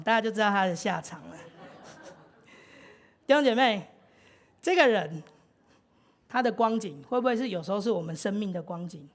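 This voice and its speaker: Woman preacher, Taiwanese Mandarin accent, casual storytelling sermon, fairly high voice. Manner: chatty, laughs often, many fillers. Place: church.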